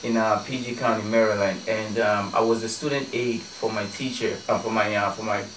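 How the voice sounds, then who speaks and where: A man from Ghana, a guest on a radio show, telling stories in a relaxed way with many fillers and restarts. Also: lowish voice, brisk, reverberant, distant mic, noisy background. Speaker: guest, community organizer. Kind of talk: casual radio interview. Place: radio studio.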